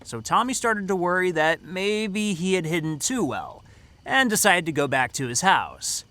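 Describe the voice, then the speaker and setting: The recording is dry as a man sits high in pitch with big swings and a sharp, exaggerated tone, at a moderate pace. He plays a cocky, teasing teenage summer camp counselor in an audio drama, dramatically telling a suspenseful scary story.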